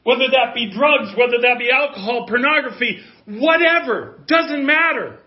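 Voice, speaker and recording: A man in his fifties delivers a sermon with earnest, conversational conviction. His voice sits high for a man. The audio is dull and lo-fi. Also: moderate pace. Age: 50s. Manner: earnest, conversational preaching with rising emphasis. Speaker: preacher.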